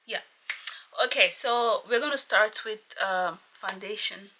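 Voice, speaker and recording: A Nigerian woman in her thirties with a Nigerian accent, chatting casually to her camera at home while doing her makeup, keeping her voice soft. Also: medium pitch, unhurried. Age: 30s. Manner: rambling, chatty, with fillers and laughs; talks softly so as not to wake someone. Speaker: vlogger. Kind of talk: casual get-to-know-me chat. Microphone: camera mic. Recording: loud background guitar music.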